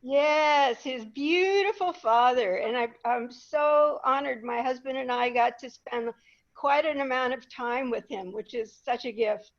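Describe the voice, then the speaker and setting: Speaking as a guest before a live audience, an older Peruvian woman tells anecdotes at an unhurried pace in a slightly high voice. She comes across as chatty and self-deprecating, though the recording is dull and lo-fi.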